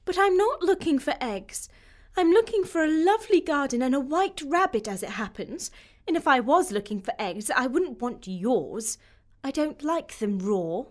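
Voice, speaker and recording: A woman's voice: high-pitched, expressive, normal speed. A woman playing a curious, bewildered but plucky little girl in an audio drama, earnest and wondering. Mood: protesting.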